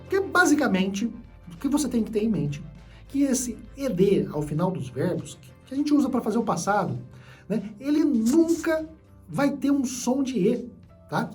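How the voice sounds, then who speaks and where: A male English teacher explains pronunciation rules in an online lesson, repeating himself and often checking that the listener is following. His voice is mellow, with a lively rise and fall in pitch. Faint music plays underneath. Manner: explanatory, repeats key points, frequent "né?" and "tá?" checks.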